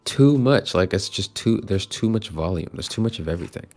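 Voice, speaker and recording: A very deep, gravelly-voiced man holds forth as a podcast guest. His sentences wander and fill up with fillers as he works through his point over an online call. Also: lively intonation, a little fast, darkish tone. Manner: rambling, full of "like". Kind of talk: casual chat.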